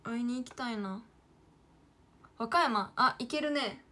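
In a slightly high, sharp-toned voice, unhurried in pace, a Kyoto idol in her late teens chats casually on a livestream as she draws. She speaks Kyoto Kansai dialect, talks to herself and her viewers, and calls herself by name; she's from Kyoto, Japan.

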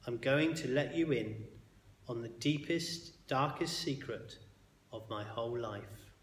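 A man reading the lines of a gentle, apologetic father speaking softly to his son in a bedtime story. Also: mid-range voice, slow pace, a little hiss or hum. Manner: soft and warm. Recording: echoey hall with long reverb.

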